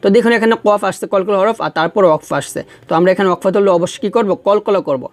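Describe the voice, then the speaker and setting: A man teaching Quran reading. He spells out each letter and vowel, draws the syllables out slowly, and gently corrects the listener before asking them to repeat after him. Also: high voice. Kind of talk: patient step-by-step recitation lesson.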